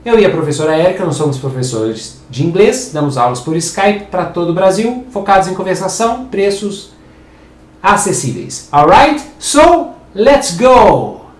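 A Brazilian man teaching an English lesson on video, upbeat and clear, switching into English for example sentences. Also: high-pitched, normal speed. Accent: Brazilian Portuguese. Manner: upbeat, lively teacher with animated intonation. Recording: roomy echo.

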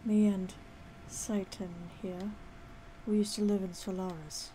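A woman voicing a serious, guarded older male companion in a video game, measured and grave as they read the dialogue. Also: mid-range voice, little pitch movement, mellow, a little hiss or hum, close to an everyday voice, rough recording. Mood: grave, confiding.

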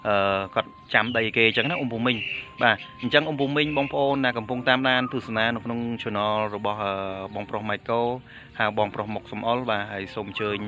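Man in his 30s, vlog intro, rapid-fire, bright tone, phone held outdoors. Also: on the low side. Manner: rapid, formal greeting to viewers. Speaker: vlogger. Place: outdoors by rural fields. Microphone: phone at arm's length.

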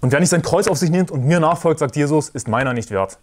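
A man preaching a sermon in a forceful, combative way, repeating his points and references. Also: a little high, lively intonation, quick pace.

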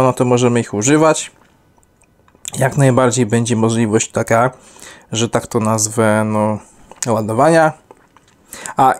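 A man's voice: fairly high pitch, a little mellow. A young adult man giving an unscripted product review, rambling with many fillers and self-corrections.

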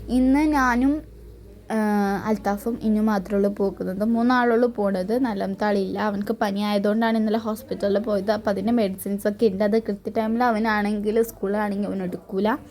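A woman talks through her morning kitchen routine in a homely, chatty way, tagging her lines with a friendly aside. Her voice is mellow and warm. She sits at a middle pitch and records herself on a phone in a home kitchen. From Kerala, India. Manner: chatty running commentary, tags many lines with a friendly "you know". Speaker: family vlogger and mother. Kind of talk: casual narrated cooking vlog. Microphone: phone camera, filming herself alone.

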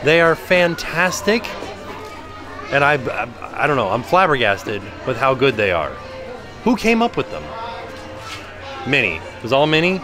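A man's voice: medium pitch, measured pace, long pauses, music in the background. A man around his forties with an American accent, chatting casually and upbeat as a vlogger into a handheld camera. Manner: animated, upbeat. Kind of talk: casual chatty vlog narration. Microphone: handheld camera at arm's length. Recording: busy crowd noise behind handheld camera.

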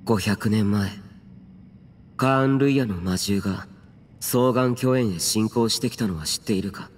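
A man with a lowish voice speaks at a measured pace, voicing a stern, aloof, youthful immortal warrior in a Japanese game. His solemn, resolute lines are terse and archaic, heard with long reverb and faint music behind.

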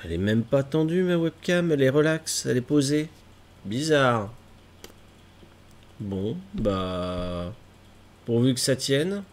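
Speaking slowly with frequent pauses, this thirty-something man has a mid-range voice and lively intonation. He's got a stuffy cold, sits in a gaming chair in a small home room, and chats to viewers in a self-deprecating way while wrestling with tech issues and playing games.

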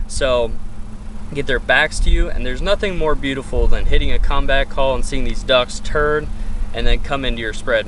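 A man in his twenties giving a casual, encouraging how-to talk to camera as an informal instructor. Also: mid-range voice. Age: 20s. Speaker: hunting instructor demonstrating duck calls. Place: open grassy lakeside, outdoors. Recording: distant outdoor microphone with clear background noise.

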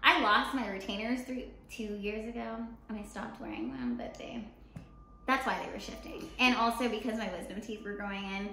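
A woman's voice: mid-range voice, normal speed. A young American woman telling a story in casual chat, acting out quoted dialogue and often saying "like". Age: young adult. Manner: animated retelling with quoted dialogue, frequent "like". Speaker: show co-host telling a personal story. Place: apartment living room, indoors. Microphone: camera mic a few feet away. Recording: echoey room, faint background noise.

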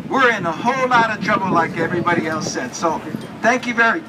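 A man's voice: sits high, animated, fast. A man giving an earnest, rousing speech at an outdoor rally, stumbling into repeated restarts. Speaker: state commissioner and magazine publisher. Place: outdoors on building steps. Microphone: handheld mic, filmed by a phone from far off. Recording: distant phone video with loud street noise.

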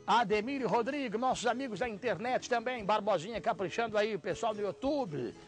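A man's voice: high-pitched, lively intonation, fairly quick. A middle-aged man hosting an outdoor TV show on a handheld mic, chatty and exclamatory. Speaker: TV host. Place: outdoor TV set by a rustic cabin. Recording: music playing behind.

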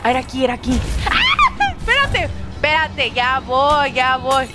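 High-voiced Mexican woman gaming, excitable. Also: moderate pace, over loud music. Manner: excitable, swears a lot, coos at the baby. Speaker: gameplay streamer. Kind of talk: casual gameplay commentary.

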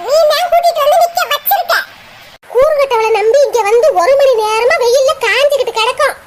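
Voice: very high-pitched, fairly quick. A performer voicing a fretful middle-aged village mother with a Kanyakumari Tamil accent, scolding and wailing by turns. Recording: loud clicks and background noise.

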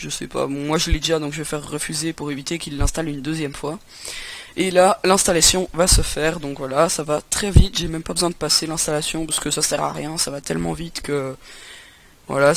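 A man's voice: fairly high pitch, fairly bright tone. A young man from France hosting a casual computer tutorial, talking hesitantly with many fillers and restarts. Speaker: tutorial host. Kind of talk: casual screen-recorded tutorial.

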